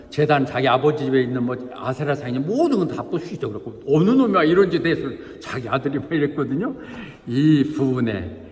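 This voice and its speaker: Male pastor, animated conversational sermon, long church-hall reverb. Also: medium pitch. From Korea. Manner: lively, chatty preaching with asides to the congregation and playful acted quotes.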